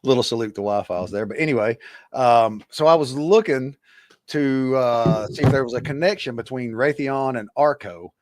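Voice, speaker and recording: A man's voice: medium pitch, normal speed, a little mellow, no room sound. A man hosting a podcast in casual chat, rambling with many fillers and restarts. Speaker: podcast host.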